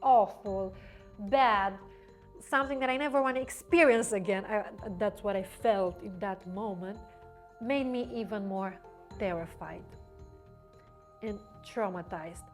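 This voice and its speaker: A young woman whose first language is German tells a personal story straight to the camera in a relaxed vlog manner. Her voice sits at a middle pitch and turns animated as she goes, with frequent laughs and restarted words. Soft music plays faintly underneath. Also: a little slow. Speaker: vlogger.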